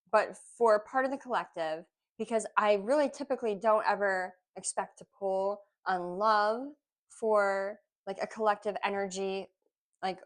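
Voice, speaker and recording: A woman giving a casual intuitive tarot reading, musing aloud with pauses between phrases. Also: medium pitch. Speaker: tarot reader.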